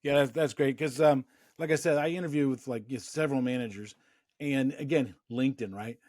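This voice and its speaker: A man's voice: medium pitch, fairly quick, a little mellow, dry recording, studio quality. A middle-aged man hosting a casual interview, rambling through anecdotes and often restarting his sentences. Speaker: interview host.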